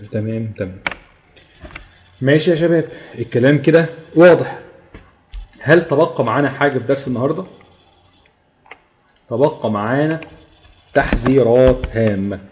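Fast-talking Egyptian tajweed teacher, man. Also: medium pitch, darkish tone. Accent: Egyptian Arabic. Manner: explains step by step, checks in with "okay?" and chants examples slowly. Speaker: Quran recitation teacher. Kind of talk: live online tajweed lesson.

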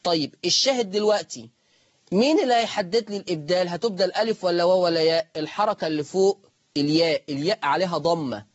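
A man with an Egyptian accent teaching Quran recitation rules step by step in colloquial speech, drawing out the example words slowly. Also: high voice, no echo, highs cut off. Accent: Egyptian Arabic. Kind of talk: lesson on the reading of Warsh.

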